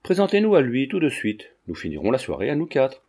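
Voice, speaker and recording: A man's voice: medium pitch, wildly swooping pitch, brisk, mellow, slightly rough. A man doing a glib, talkative young Parisian man. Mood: teasing.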